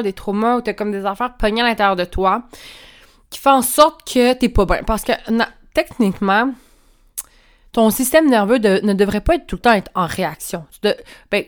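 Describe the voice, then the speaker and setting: A young Québécois woman talks into a clip-on mic at home, hosting her solo podcast. She sounds chatty and candid, swears freely, and laughs between thoughts. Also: medium pitch. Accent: Québécois French. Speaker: podcast host. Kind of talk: casual solo podcast monologue. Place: room at home.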